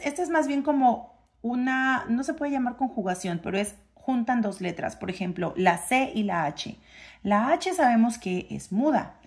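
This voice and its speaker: A woman's voice: a little high, darkish tone. A woman, reading a phonics book aloud to a child and sounding out the letter sounds in a sing-song way.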